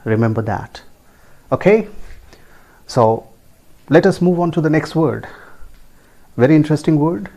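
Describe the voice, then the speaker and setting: Indian english guy teaching pronunciation, super slow, mellow low-key tone, keeps saying "right friends". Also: animated. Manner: drills each word slowly, repeating it and asking "right, friends?". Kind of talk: slow, emphatic pronunciation lesson.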